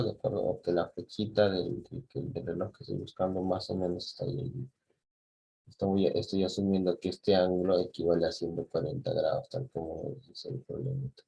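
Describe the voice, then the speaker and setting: A man's voice: low-pitched, fairly even intonation, moderate pace, creaky, dark tone, slightly rough, rough recording. A man teaching a math lesson, patiently walking students through a clock-angle problem and often checking that they follow. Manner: patient, asks "¿sí?" and "¿de acuerdo?" often, restarts phrases.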